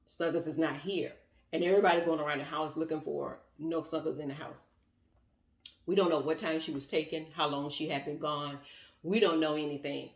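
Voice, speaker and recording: A woman vlogger telling a personal story in a casual, animated way, acting out what others said. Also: sits low, recorded from a distance. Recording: echoey room, voice off-mic.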